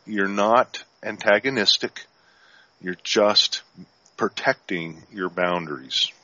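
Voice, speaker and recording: A man talking calmly and firmly as an instructor in a live-streamed talk, sometimes acting out sample dialogue. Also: on the low side, slow, no echo. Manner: calm, firm, acts out sample dialogue. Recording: dull lo-fi stream audio.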